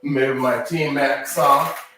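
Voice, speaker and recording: Hobby host with the hiccups, unhurried workbench commentary, recorded a little off-mic. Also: male voice, mid-range voice, steady tone, pushed and bright, echoey room, recorded from a distance, a little hiss or hum, rough recording. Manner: slow, offhand narration while working with his hands. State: has the hiccups.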